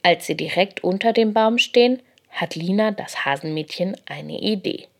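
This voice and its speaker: A woman reading a children's bedtime story aloud, gentle and expressive. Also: mid-range voice, normal speed.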